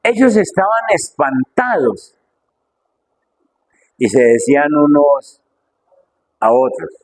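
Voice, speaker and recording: The recording quality is poor as a middle-aged man preaches slowly and fervently, his voice making big swings in pitch and loudness. He addresses the congregation with a steady stream of rhetorical questions.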